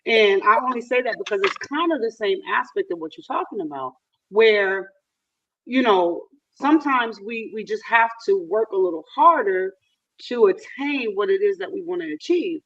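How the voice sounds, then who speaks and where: A woman's voice: mid-range voice, expressive, moderate pace, fairly bright tone. An American woman telling personal work stories in a casual discussion, recorded with dull, lo-fi sound. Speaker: panel discussion participant. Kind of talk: casual anecdotal chat.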